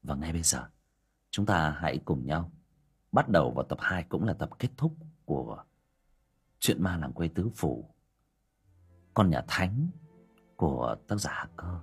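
A man's voice: a bass voice, very animated, measured pace, pauses often, slightly rough, faint music behind. A man narrating a ghost story expressively. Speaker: audio story narrator, livestream host.

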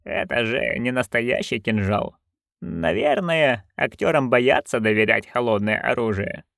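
A man voicing a stern old witch in an audiobook, talking in a quiet, clipped, dry way. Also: medium pitch, very animated, measured pace, creaky, no echo, full character voice. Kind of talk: audiobook character voice.

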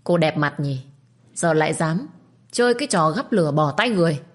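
A woman's voice: low voice, expressive, normal speed. Woman doing a stern irritable young master. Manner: curt, contemptuous.

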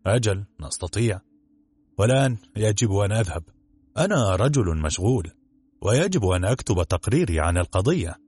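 A boastful, overconfident police inspector from a storybook, voiced by a man. His low, husky voice rises and falls with lively self-satisfaction. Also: fairly quick. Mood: smug. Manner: smug, overconfident.

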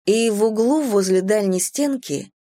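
Женщина читает аудиокнигу, средний голос, сухой звук без эха. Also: female voice, mid-range voice, a little slow, warm tone, dry recording, studio quality. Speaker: audiobook narrator. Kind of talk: scripted narration.

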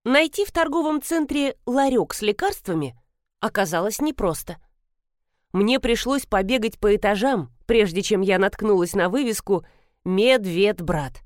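A woman's voice: medium pitch, lively intonation, moderate pace, dry recording, studio quality. A woman narrating an audiobook in the first person, with a wry storytelling manner.

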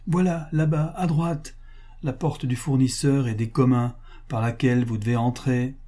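A man's voice: mid-range voice, steady tone, normal speed, dark tone, natural voice. A man voicing a flustered palace porter in a storybook reading, calling out insistently. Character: flustered middle-aged male palace porter.

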